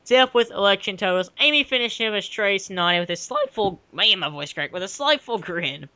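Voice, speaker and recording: A young man reading a story aloud casually for comedy, giggly and excitable, often breaking off to riff on it. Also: high voice, brisk, clean tone, no room sound. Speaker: co-reader of a dramatic fan fiction reading. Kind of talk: casual comic read-aloud with ad-libbed commentary.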